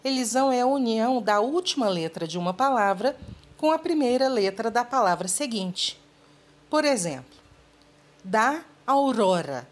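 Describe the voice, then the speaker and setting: A woman's voice: fairly high pitch, lively intonation, normal speed. A woman literature teacher explaining a lesson patiently and speaking to students directly. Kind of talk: recorded lesson.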